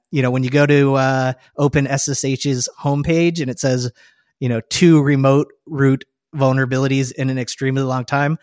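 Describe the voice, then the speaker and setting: Chatty podcast host, dry close sound. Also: male voice, mid-range voice, no echo. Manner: chatty, laughs often, reminiscing. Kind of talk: casual podcast conversation.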